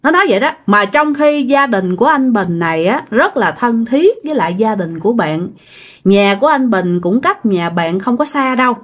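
A woman's voice: a little high, animated, moderate pace. Chatty woman storyteller. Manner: chatty, folksy, acts out quoted voices. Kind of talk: casual ghost story narration.

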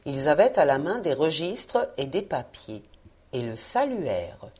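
A woman reading a classic novel aloud as an audiobook, with measured, expressive storytelling. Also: low voice, slightly rough. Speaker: audiobook reader. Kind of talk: scripted narration of a classic novel.

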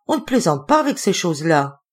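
A woman's voice: on the low side, very animated, brisk, breathy edge. A woman reading the part of an older dog owner who is grieving, prim and scolding, then tearful as she confides. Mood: indignant. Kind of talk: audiobook character reading.

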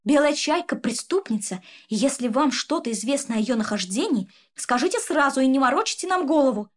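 A strict headmistress scolding a pupil, put on by a woman reading a storybook. Her voice is raised and sharp with indignation. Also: high-pitched, animated, brisk, pitched above the performer's own voice. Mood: indignant. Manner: reproachful, indignant. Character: strict female assistant headmistress.

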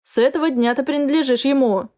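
A woman's voice: high voice, quick pace, lightly acted. Stern unbending father, as a woman reads him. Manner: hard, flat, unbending. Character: stern commanding middle-aged father.

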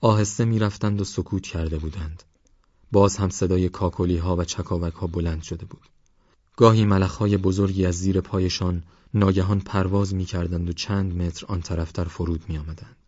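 A man calmly narrating an audiobook novel in a measured storytelling voice. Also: sits low, no echo. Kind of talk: scripted narration. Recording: dull dry studio recording.

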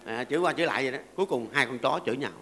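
A man's voice: medium pitch, racing, noisy background. An older man, a Buddhist monk, giving a sermon to a seated audience. He keeps asking his listeners to agree and teaches with everyday stories and short verses.

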